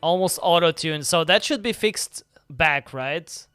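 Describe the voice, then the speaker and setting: A young man chats casually during a live game stream, rambling with plenty of filler words. His voice is bright and crisp, sitting a little high. Faint game music plays behind him. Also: measured pace, no echo.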